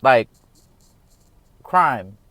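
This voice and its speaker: A man's voice: mid-range voice, very animated, extremely slow, fairly bright tone, no room sound. Earnest rambling man in his thirties. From United States. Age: 30s. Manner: earnest, rambling, emphatic, repeats "all right?". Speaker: vlogger. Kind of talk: casual opinion monologue.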